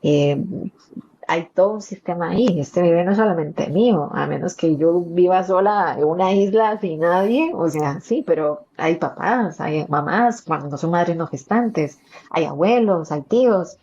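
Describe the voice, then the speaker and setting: Costa Rican woman, low muffled voice. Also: measured pace, darkish tone, husky. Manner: explanatory, earnest, uses many fillers. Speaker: perinatal psychologist, guest. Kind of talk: podcast interview. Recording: dull lo-fi audio.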